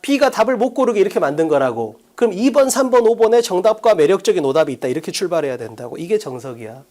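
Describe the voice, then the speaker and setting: Animated male English lecturer. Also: sits high, quick pace. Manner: animated, rhetorical questions to students. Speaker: English teacher. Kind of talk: lecture to students.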